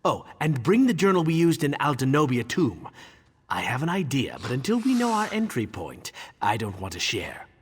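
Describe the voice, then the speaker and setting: An actor playing a tailed male beast-folk thief in a game cutscene, explaining things in a measured, knowing way. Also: medium pitch, wildly swooping pitch, in a large hall, slight background noise. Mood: confident.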